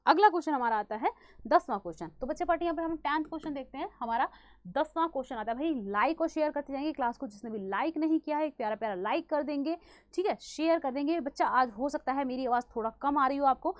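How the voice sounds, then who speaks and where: Fast-talking woman teacher with sore throat. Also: sits high, dry recording. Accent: Hindi. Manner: fast-talking, quizzing students with repeated questions and fillers. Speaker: current affairs teacher. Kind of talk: exam-prep lesson.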